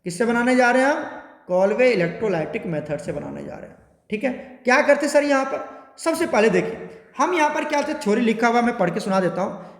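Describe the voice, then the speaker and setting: A man's voice: extremely high pitch, expressive. A male chemistry teacher giving a classroom lecture, repeatedly quizzing his students and drawing out key words. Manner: questioning students constantly, repetitive, drawn-out spelling. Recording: echoey room with long reverb.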